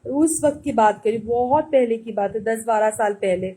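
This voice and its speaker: A woman vlogger telling a sarcastic, animated story in a mocking monologue. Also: a little high, normal speed, breathy edge, low-quality recording. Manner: animated, mixes Hindi and English, mocking.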